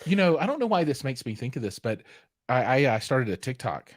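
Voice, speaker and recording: A man's voice: medium pitch, big pitch swings, fairly quick, no echo. Rambling middle-aged man, fillers galore. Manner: rambling, self-deprecating, many fillers and restarts. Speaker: host. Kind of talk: casual live-stream chat.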